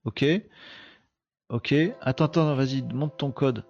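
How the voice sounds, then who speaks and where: A male host of a live tech show, talking in a chatty, excitable way and punctuating with quick exclamations. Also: medium pitch, vocal fry, lo-fi sound, soft background music. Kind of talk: casual live commentary.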